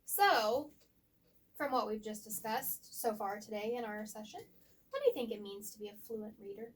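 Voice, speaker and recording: A woman's voice: a little high, expressive, normal speed. Patient woman tutor, recorded from afar. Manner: patient, asks guiding questions. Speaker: reading tutor. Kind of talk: one-on-one tutoring session. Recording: voice picked up from a distance.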